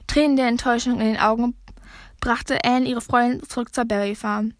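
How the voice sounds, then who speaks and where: A woman podcast host narrating a story aloud in an even, storytelling manner. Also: fairly high pitch, fairly quick, dry recording. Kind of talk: audiobook-style story reading.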